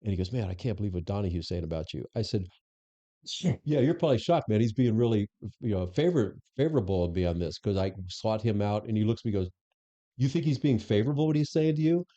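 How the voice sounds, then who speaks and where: Mellow-voiced man telling stories. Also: fairly low pitch, fast talker, lo-fi sound. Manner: anecdotal, acts out quoted dialogue. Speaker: interview guest, former police superintendent. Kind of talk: conversational storytelling.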